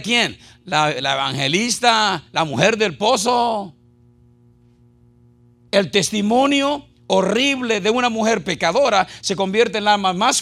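Male pastor, raspy gravelly tone, preaching with rhetorical questions and humor to a church congregation. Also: high voice, fairly bright tone. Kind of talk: Spanish-language sermon with call-and-response.

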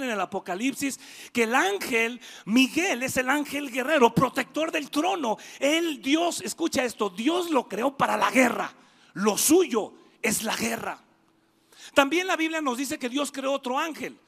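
Animated high-voiced male preacher, echoing hall. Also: gravelly. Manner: animated, jokes and asides, shouting for emphasis. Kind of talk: lively sermon to a youth congregation. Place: church hall. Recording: long echoing hall reverb.

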